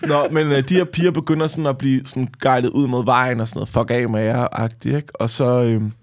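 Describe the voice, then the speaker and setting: A man's voice: mid-range voice, steady tone, noisy background. A man in his thirties co-hosting a podcast, telling crude party stories with lots of swearing and laughter. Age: 30s. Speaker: podcast co-host. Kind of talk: casual storytelling chat.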